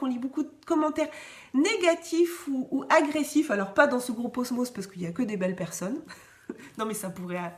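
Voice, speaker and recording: A woman with a fairly high voice hosting a podcast in a relaxed, encouraging way. She talks off the cuff, restarting phrases and laughing lightly as she reads comments. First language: French. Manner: warm encouraging, often laughing; hesitant restarts, varied pace. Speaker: podcast host. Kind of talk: casual live chat reading comments.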